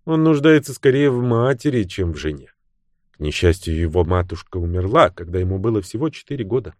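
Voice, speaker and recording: A man's voice: deep voice, sing-song, brisk, no echo, clean studio sound. A man putting on a cool, mocking young woman.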